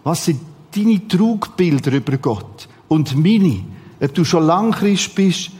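A man preaching a sermon in a lively, conversational way, with sudden emphatic outbursts. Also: a little high, takes it slowly, long reverb tail.

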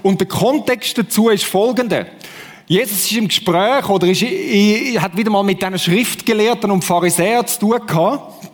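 A man's voice: sits high, moderate pace, long reverb tail. A man with a Swiss German accent preaching a sermon, who acts out fake enthusiasm in playful voices. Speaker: pastor.

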